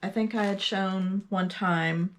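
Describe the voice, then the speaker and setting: Slow-talking chatty woman from Texas. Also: mid-range voice, fairly even intonation. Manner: slow, chatty, trailing off with ums. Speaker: podcast co-host. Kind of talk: casual knitting podcast chat.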